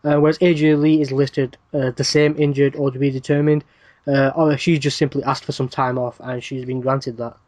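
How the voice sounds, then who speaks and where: A man's voice: medium pitch, level tone, moderate pace, darkish tone, no room sound. A man hosting a wrestling podcast, reading news items in a casual rundown with dry asides and plenty of "uh" fillers.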